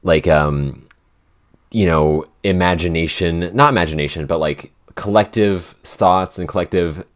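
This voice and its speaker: This man, a writer and co-host on a podcast, has a low voice and a slightly slow delivery. His casual talk wanders, and "like" turns up constantly.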